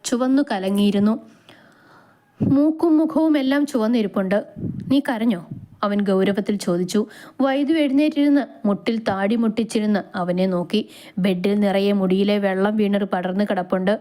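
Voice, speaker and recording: A woman's voice: medium pitch, normal speed. Woman reading a romance story aloud. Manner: steady, expressive reading. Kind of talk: storybook narration.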